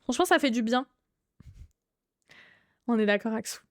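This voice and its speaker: A young woman with a high voice chats casually on a live stream, greeting viewers one by one. She often breaks into excited, louder outbursts before calming down again. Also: normal speed, no echo, clean studio sound.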